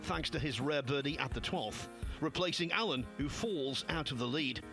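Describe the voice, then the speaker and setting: A man reading scripted golf commentary for a tournament highlights show. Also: expressive, moderate pace, music in the background. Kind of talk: scripted sports highlights narration.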